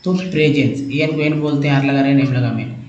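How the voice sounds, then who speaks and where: A man's voice: mid-range voice, steady tone, brisk, a little mellow, muffled recording, slight background noise. Man drilling English spellings in an echoey room. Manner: spells letter groups then sounds out words, repetitive drilling; addresses viewers as friends, emphatic. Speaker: English reading teacher. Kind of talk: slide-based phonics lesson.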